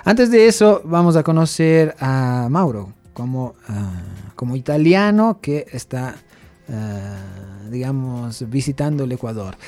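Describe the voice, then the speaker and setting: A man hosting a conversational radio interview, phrasing things with drawn-out, hesitant fillers. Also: medium pitch, expressive, a little mellow, faint music behind. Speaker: radio host. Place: radio studio.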